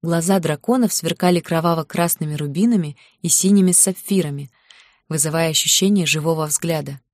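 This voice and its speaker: A woman with a fairly low voice reads a fantasy novel aloud, giving the girls' lines a light touch. The sound is close and dry, with no room around it. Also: a little fast, darkish tone, dry recording. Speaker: audiobook narrator. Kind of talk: scripted narration.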